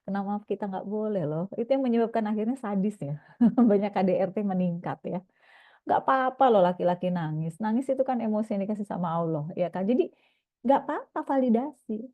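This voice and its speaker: A woman parenting coach giving a lively online seminar talk, acting out little scenes between parents and children. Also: mid-range voice, fairly quick, dry recording. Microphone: video call. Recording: dry, phone-like video call audio.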